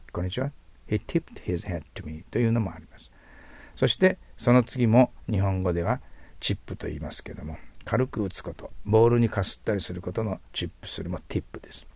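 Male English teacher, low gravelly voice, patient explainer who repeats words and slows for examples, dry close sound. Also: a little mellow, no echo. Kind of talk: vocabulary and pronunciation lesson.

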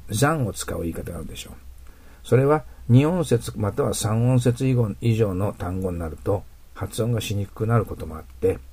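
Husky, low-voiced male English teacher. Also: dark tone. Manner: slows down to model English example phrases; patient, explanatory, asks learners to repeat. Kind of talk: grammar lesson.

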